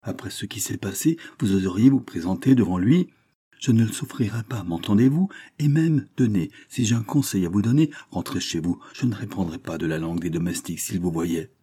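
A reader doing a loyal old servant, agitated and outraged. His deep, husky voice rises in sharp exclamations, with a dark, mellow tone. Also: steady tone, brisk, hardly any pauses. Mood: indignant.

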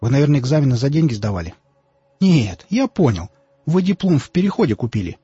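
A man puts on a stubborn young man in an audiobook, indignant and argumentative, keeping close to his own dark, very husky voice. The sound is dull and lo-fi, with faint music behind it. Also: medium pitch, big pitch swings, a little fast, no echo. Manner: indignant, arguing.

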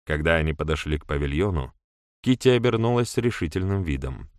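A man narrating an audiobook in an even, measured reading. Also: extremely low pitch, clean tone, dry recording, studio quality. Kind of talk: scripted narration.

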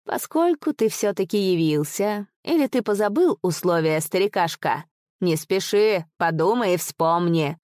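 A woman's voice: lowish voice, lively intonation, unhurried, darkish tone, dry recording, clean studio sound. A woman voicing a mocking inhuman spirit. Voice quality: damp, rusty, inhuman. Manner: mocking, taunting.

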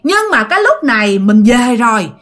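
Speaking at normal speed in a sing-song voice that's high and slightly bright, a woman tells a ghost story in a chatty style. She frequently addresses her audience directly.

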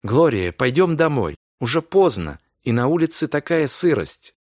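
A man's voice: medium pitch, very animated, normal speed, no room sound. Worried, devoted husband, voiced by a man; coaxing, dry close sound. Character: anxious devoted young husband.

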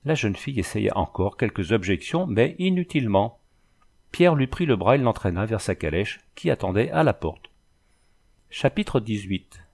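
Guy reading an old novel out loud, lowish voice, calm even pace. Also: moderate pace, vocal fry. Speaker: audiobook reader. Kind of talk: scripted narration of a novel.

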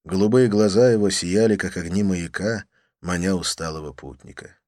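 A man reading a first-person audiobook in a measured, expressive storytelling manner. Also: deep voice, no room sound, studio quality. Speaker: audiobook narrator.

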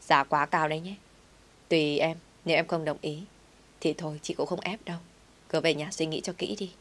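A well-off woman who speaks bluntly and teases, with a low, steady voice. A woman reads her lines in a story narration. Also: fairly quick. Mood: matter-of-fact.

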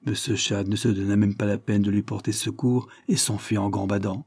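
A man reading a novel aloud in a steady, measured narration. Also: on the low side, slightly rough, no room sound, clean studio sound. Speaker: audiobook reader. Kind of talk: literary narration.

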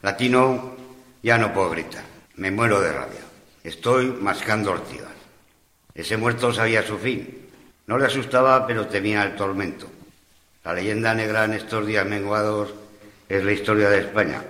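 An actor playing a bitter, despairing bohemian poet in a radio drama, declaiming in a husky, literary manner. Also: male voice, lowish voice, normal speed, bright, forceful tone, echoey room, long reverb tail. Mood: anguished rage.

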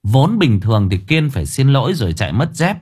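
A man narrating an audiobook story in a lively, animated way. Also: medium pitch, a little fast, breathy edge.

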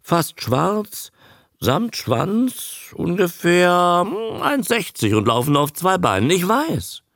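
A man voicing a gruff Swedish sailor. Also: high-pitched, big pitch swings, slow pace, a bit bright, no room sound, clean studio sound, voice pushed up, full character voice. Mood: grumbling. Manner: terse, grumbling. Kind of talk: radio story reading.

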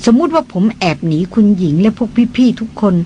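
Reader voicing a shy young man, low murmur, hesitant, flustered, polite. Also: very animated, fairly quick, warm tone, highs cut off, slight background noise, lightly acted.

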